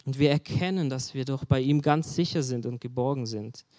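A man's voice: medium pitch, normal speed, mellow. Earnest preacher man in a reverberant hall. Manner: earnest, addresses listeners directly with questions. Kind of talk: sermon.

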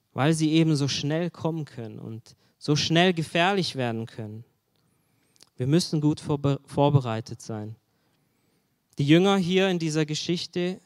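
A man delivers a sermon in an earnest, searching way and keeps turning to his listeners with direct questions. His voice sits a little high for a man. A long reverb trails after his words, as in a large hall. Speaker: preacher.

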